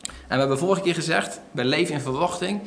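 A man preaching a sermon, retelling a story lively with acted-out quotes and frequent fillers. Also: a little high, quick pace, creaky, reverberant. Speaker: pastor.

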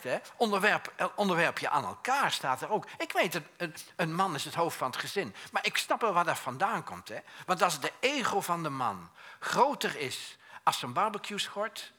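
A man's voice: on the high side, slightly rough. An older man preaching a sermon in a joking, storytelling way, acting out quotes in plain everyday speech. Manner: animated, plain-spoken.

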